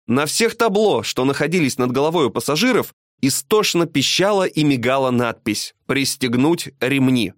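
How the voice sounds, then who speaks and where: Expressive male storybook narrator. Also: on the high side, no room sound, studio quality. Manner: expressive, dramatic reading.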